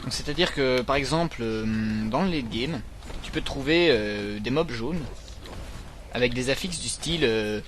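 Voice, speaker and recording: Bright-voiced man explaining a game. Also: medium pitch, moderate pace, a little hiss or hum. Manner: explains game mechanics while joking around. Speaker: gaming channel co-host. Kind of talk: casual let's-play commentary.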